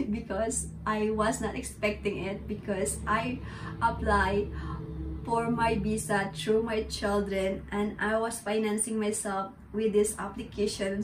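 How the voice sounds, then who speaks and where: A young Filipino woman with a Filipino accent, chatting in a home vlog and giggling between sentences, recorded by a camera across a small room. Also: mid-range voice. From Philippines. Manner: giggly, chatty, slow and explaining. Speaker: vlogger. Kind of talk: casual vlog. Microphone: camera at a distance. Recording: echoey room, voice a little far from the mic.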